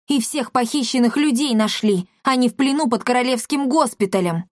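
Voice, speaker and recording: Woman doing an excitable young inventor boy. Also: fairly high pitch, brisk, dry recording, clean studio sound, voice pushed up, natural voice. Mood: excited. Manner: eager, exclaiming.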